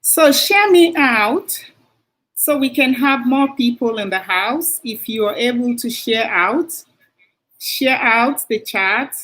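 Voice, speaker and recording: Slow, effusive woman hosting a livestream. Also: on the high side, a bit bright. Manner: effusive, greets viewers by name. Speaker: livestream host. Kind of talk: casual livestream greeting.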